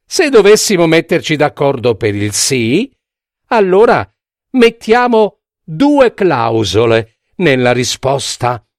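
A man's voice: a little high, very animated, slow pace, no room sound, studio quality. Man doing a shrewd lady mouse councillor. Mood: firm. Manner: impassioned, pleading. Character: shrewd female mouse councillor, doubtful, insistent.

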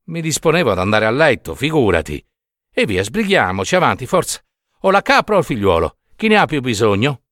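A man's voice: medium pitch, very animated, a little fast, a bit bright, no room sound, clean studio sound. A man voicing a grumpy old village priest who huffs and talks in an exasperated way, read as part of a story. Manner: exasperated, huffing.

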